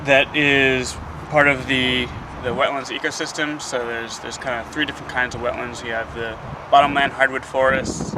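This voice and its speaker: A man's voice: mid-range voice, heavy background noise. A young man in his twenties, a wetlands nursery volunteer, explaining casually with fillers. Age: 20s.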